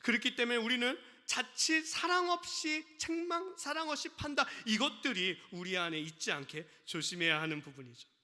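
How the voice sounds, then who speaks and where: A man's voice: very high voice, lively intonation, normal speed, few pauses, pushed and bright, in a large hall. A man preaching a sermon as pastor, asking the congregation questions and acting out the lines he quotes. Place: church sanctuary.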